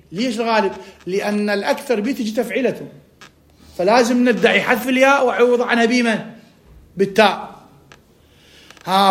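A man with an Iraqi accent teaching an Arabic grammar lesson. He reads text slowly, asks questions and answers them himself. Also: high voice. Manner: reads text slowly, then talks fast in dialect.

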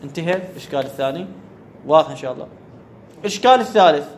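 A man's voice: fairly high pitch, animated, rapid-fire, a little hiss or hum. A man giving a classroom grammar lecture, often checking whether his students follow and repeating the key words. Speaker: teacher of Arabic grammar.

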